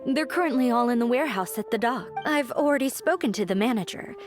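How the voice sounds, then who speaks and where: Woman doing a soft-mannered craftswoman in a game, kinda high voice, polite n sentimental, music behind. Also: expressive, quick pace, natural voice. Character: gentle, sentimental young woman lantern artisan. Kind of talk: video game voice acting.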